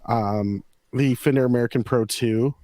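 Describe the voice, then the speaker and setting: A man's voice: medium pitch, fairly even intonation, normal speed, mellow. A man co-hosting a casual gear podcast, easygoing and a little scattered as he picks favorites. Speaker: podcast co-host.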